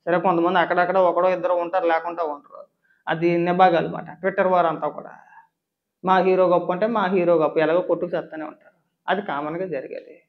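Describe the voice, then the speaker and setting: Male political commentator, high-pitched and rapid, sarcastic, indignant, lo-fi audio. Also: little pitch movement. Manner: fires rhetorical questions, sarcastic and indignant.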